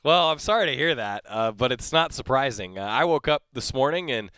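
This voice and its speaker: A man's voice: mid-range voice, expressive, fairly quick, sharp tone, smooth, dry recording. A man hosting a sports radio show in a studio, chatting casually with a rambling, joking manner. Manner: rambling, self-correcting, joking. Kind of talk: casual interview chat. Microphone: studio mic.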